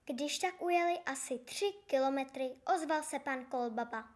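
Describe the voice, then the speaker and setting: High-voiced woman narrating a fairy tale.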